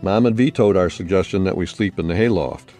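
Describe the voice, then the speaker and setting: A man's voice: sits low, a little fast, warm tone, faint music behind. A man, an author, reading his own short story aloud in a plain, friendly storytelling way.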